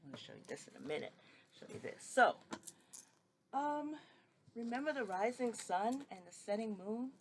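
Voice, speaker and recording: A middle-aged woman raised in New York, a sewing vlogger, chats enthusiastically and meanderingly while showing off fabrics from her collection at home. Her voice is a little high and expressive, at a moderate pace with frequent pauses, over slight background noise.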